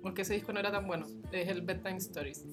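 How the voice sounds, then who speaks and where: A woman's voice: on the low side, fairly even intonation, fast talker, over music. A woman with a Chilean accent co-hosting a podcast, chatting casually with lots of slang and frequent laughter. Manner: laughing often, slangy and playful. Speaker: podcast co-host. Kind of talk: casual chat.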